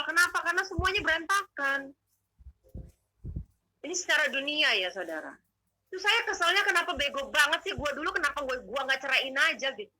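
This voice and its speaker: A woman telling her testimony as a guest, in animated, emotional, slangy conversational storytelling. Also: high-pitched, slight background noise, low-quality recording.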